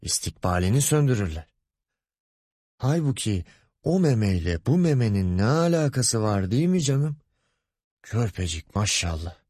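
A man's voice: on the low side, very animated, normal speed, long pauses, darkish tone, no room sound, studio quality, voice pushed up. A man voicing a pompous, lecherous middle-aged male boss in an audiobook, wheedling and bossy by turns. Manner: wheedling, grumbling, commanding.

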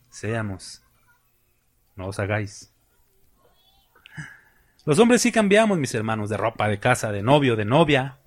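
A man with a Mexican accent preaching a sermon, emphatic and conversational, asking his congregation questions and slipping in folksy jokes. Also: on the low side. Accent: Mexican Spanish. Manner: folksy and joking, with colloquial asides.

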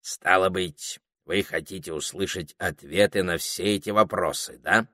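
A man voicing a bossy, hot-tempered and pompous male parrot who blusters and shouts, reading aloud from a storybook. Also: sits low, a little slow, dry recording, clean studio sound, full character voice. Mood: grave, secretive. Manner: shouting, blustering, self-important.

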